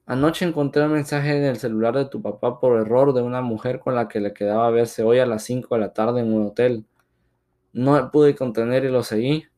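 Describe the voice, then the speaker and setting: A heartbroken older wife and mother, sobbing and then lashing out in fury, as a male storyteller puts her on. Her voice sits at a middling pitch, torn by grief. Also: dark tone, close to an everyday voice. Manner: weeping, distraught and furious.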